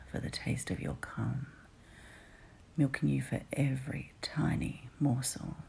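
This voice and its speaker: A woman's voice: low-pitched, vocal fry, mellow, slight background noise. A woman whispering an intimate adult roleplay close to the listener's ear, ASMR style. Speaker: audio roleplay performer.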